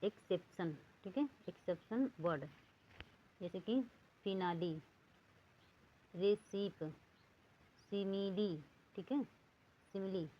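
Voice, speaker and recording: A woman teaching English reading rules, saying words one at a time and repeating them slowly. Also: medium pitch, highs cut off. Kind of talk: lesson.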